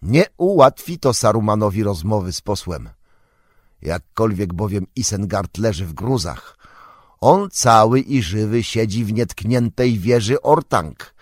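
A man voicing a wise, stern old male wizard in an audiobook, explaining at length in a measured, grave way. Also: lowish voice, no echo, clean studio sound. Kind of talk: audiobook character reading.

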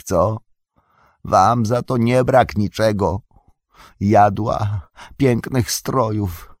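A man voicing a bitter, scornful fallen old wizard turned beggar, with a gravelly, husky voice and drawn-out mocking speech. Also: a bass voice, darkish tone, dry recording, clean studio sound, heavily acted. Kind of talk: audiobook character reading.

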